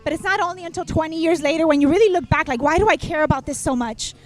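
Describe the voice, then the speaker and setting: A woman's voice: very high voice, fast talker, soft background music. A woman in her thirties, a guest on a talk show who founded a kindness movement, tells a heartfelt story and acts out the quotes, near tears. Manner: warm, tearful, acts out quotes. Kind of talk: emotional storytelling interview.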